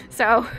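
A young woman from the East Coast of the United States with an American accent, chatting and giggling casually with her viewers during a game livestream. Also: sharp tone. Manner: chatty and giggly, many fillers. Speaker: streamer. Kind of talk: casual livestream chat while gaming.

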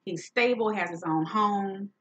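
A woman's voice: mid-range voice, measured pace, fairly bright tone, lo-fi sound. A woman host candidly retelling a friend's painful story in a personal talk, speaking with emphasis.

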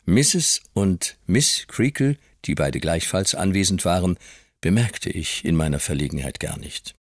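A man narrating a classic novel in the first person as an audiobook reader, calm and measured. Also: low-pitched, no room sound, clean studio sound. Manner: calm storytelling.

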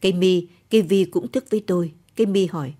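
A woman with a Northern Vietnamese accent reading a short story aloud in a calm, even late-night storytelling manner. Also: fairly low pitch, quick pace. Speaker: story reader. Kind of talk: scripted narration of a short story.

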